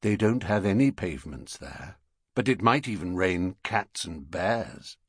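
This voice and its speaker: A man's voice: low-pitched, lively intonation, unhurried, breathy edge, no room sound, clean studio sound, heavily acted. A man voicing a polite, earnest young bear in a children's audiobook.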